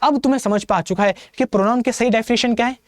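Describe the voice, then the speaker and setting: Male teacher, lecture style, quick rhetorical questions, dry close sound. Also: very high voice, dry recording. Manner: quizzes students with rhetorical questions and answers them himself; mixes English terms into his talk. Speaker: English grammar teacher. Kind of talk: classroom lecture.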